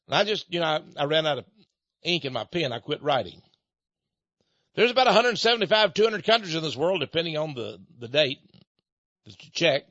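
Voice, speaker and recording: A man's voice: on the high side, pushed and bright, no room sound. A man hosting a talk show, delivering an opinionated monologue in a sarcastic, mocking way. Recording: dull lo-fi sound.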